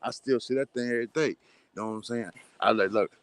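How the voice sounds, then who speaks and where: A man appearing as a guest in a loose, casual conversation. He talks in an animated way, leaning on the same filler phrases again and again and sometimes stuttering over his words. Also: lowish voice, fast, dry recording.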